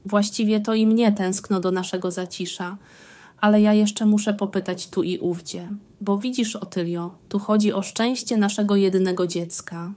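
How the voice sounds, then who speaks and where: An uneasy, ailing older count speaking in a measured, hesitant way, as a woman reads him in an audiobook. The tone stays mellow and dark, with a middling pitch. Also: steady tone, close to an everyday voice. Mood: weary. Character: anxious ailing elderly nobleman count.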